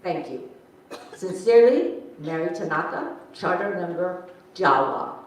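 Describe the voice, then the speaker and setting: A woman's voice: mid-range voice, lively intonation, unhurried, natural voice. A woman playing a proud, fussy Japanese American mother in a staged reading, with a pointed, emphatic delivery. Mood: indignant, formal. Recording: echoey hall, distant mic, faint noise.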